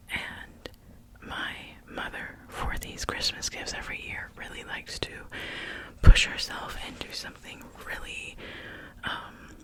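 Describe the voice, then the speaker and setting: An ASMR creator chatting in a soft, breathy whisper, with gentle pauses between phrases. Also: rough recording.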